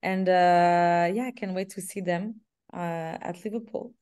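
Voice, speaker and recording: A young woman from Canada, a singer, answering interview questions over a video call in a hesitant, halting way. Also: fairly low pitch, fairly even intonation, smooth. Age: young adult. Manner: hesitant, restarts often, laughs softly. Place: small room indoors. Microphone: laptop webcam on video call.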